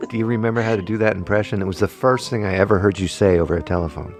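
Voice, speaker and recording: A man's voice: fairly low pitch, racing, soft background music. A man co-hosting a comedy podcast, joking and teasing his co-host in casual banter.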